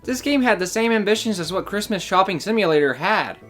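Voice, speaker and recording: A man's voice: high-pitched, lively intonation, brisk, a bit bright, soft background music, pitched above the performer's own voice. A man playing a sarcastic young man stranded in a desert, firing off dry quips in a comedic skit.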